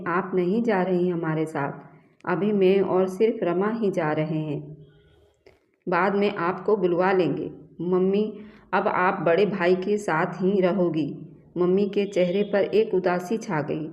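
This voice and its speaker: A woman's voice: on the low side, fairly even intonation, unhurried, dull audio. A woman narrating an emotional true story in the first person, speaking all the family dialogue in her own voice.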